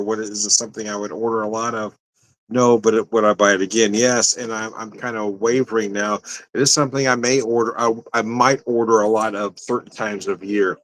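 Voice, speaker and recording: This fairly low-pitched, slightly bright male voice belongs to a drinks reviewer rambling casually through a tasting for the camera. He laughs a lot and keeps starting over, and the audio quality is poor.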